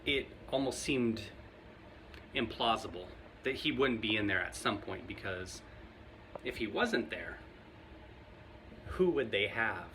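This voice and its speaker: A man's voice: on the low side, expressive, slow pace, pauses often, fairly bright tone, a little hiss or hum. A man vlogging casual commentary to camera, talking in a rambling, conversational way and often laughing.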